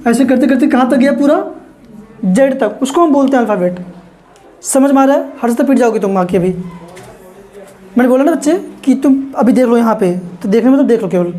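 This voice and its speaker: Her voice sits high and sounds warm as she gives children a basic English lesson. Patiently explaining and repeating points, she quizzes the "kids," as she keeps calling them, and blends English terms into what she says.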